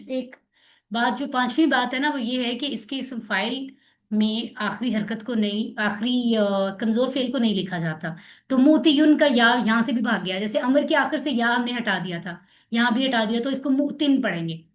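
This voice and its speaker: High-voiced woman teaching an online class. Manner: patient, repeats drills slowly. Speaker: Arabic grammar teacher.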